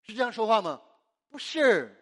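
A man's voice: sits high, very animated, normal speed. A man from China preaching a sermon, exuberant and emphatic, asking the congregation questions and answering them himself. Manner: call-and-response, asks the congregation and answers himself; exuberant and emphatic, laughs often.

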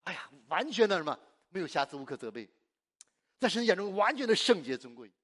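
Preacher, male, from China; high, very lively voice; emphatic call-and-response sermon style. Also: quick pace. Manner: call-and-response, asks the congregation and answers himself; exuberant and emphatic, laughs often.

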